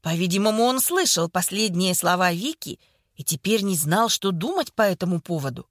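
A woman narrating an audiobook with expressive scripted storytelling. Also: fairly low pitch, moderate pace, dry recording, studio quality.

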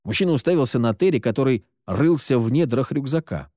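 Мужчина-рассказчик читает аудиокнигу: голос среднего тембра, интонация живая и подвижная, запись сухая, без эха комнаты. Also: male voice, medium pitch, brisk, dry recording, clean studio sound. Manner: expressive reading with lively intonation. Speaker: narrator. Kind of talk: audiobook storytelling.

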